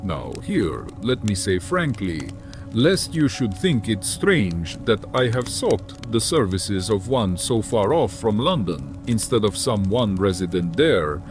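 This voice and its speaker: A commanding vampire count in an audiobook drama. He speaks very slowly in a low voice that swoops widely, courteous yet sinister, with music underneath. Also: sing-song. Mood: measured, explaining. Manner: formal, deliberate, archaic phrasing with lingering pauses.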